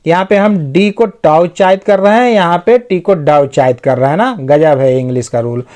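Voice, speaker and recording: A man with a high voice teaches English to Hindi speakers. He reads each English sentence slowly, then explains it word by word. Along the way he lists synonyms and asks questions he answers himself. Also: darkish tone. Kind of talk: Hindi-medium English lesson.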